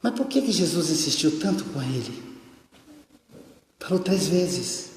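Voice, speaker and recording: A man's voice: on the high side, a little slow. A man, giving a live lecture-sermon, telling stories and asking the audience questions. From Minas Gerais, Brazil. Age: 50s. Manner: storytelling, animated, asks the audience questions. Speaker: spiritist lecturer. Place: lecture hall. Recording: echoey hall, long reverb.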